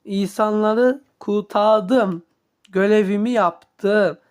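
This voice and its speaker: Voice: mid-range voice, fairly even intonation, very slow, darkish tone, smooth. A performer doing a pleading robot son. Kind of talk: amateur cartoon fan dub.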